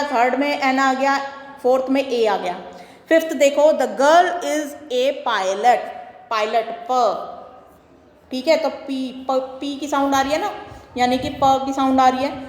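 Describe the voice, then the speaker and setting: Woman teacher, high voice, patient explaining, slow read-aloud sentences, long echoey reverb. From Delhi, India. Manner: patient, repeats and checks understanding; reads example sentences slowly, word by word. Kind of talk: worksheet lesson explanation. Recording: roomy echo with long reverb.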